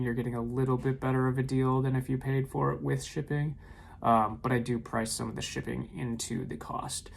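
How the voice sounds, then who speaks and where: A medium-pitched voice with vocal fry comes from a man reviewing his weekend eBay sales for his reseller vlog, speaking loosely and often saying um and uh. He's in a room at home with shelves of tapes, and a little background noise can be heard.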